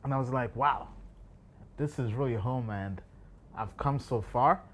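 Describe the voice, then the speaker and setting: A man's voice: medium pitch, unhurried, fairly bright tone. A man in his thirties from Uganda, talking casually and reflectively to camera, thinking aloud and often asking "right?". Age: 30s. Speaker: crypto investor and vlog host.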